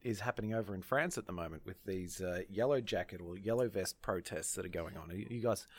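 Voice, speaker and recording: An Australian man in an informal radio discussion of current affairs, speaking in a halting, hesitant way. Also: deep voice. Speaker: radio panellist.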